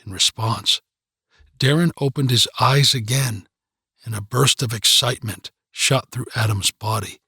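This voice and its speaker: A man reading an audiobook chapter in calm, measured scripted narration. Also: mid-range voice, breathy edge, dry recording, studio quality.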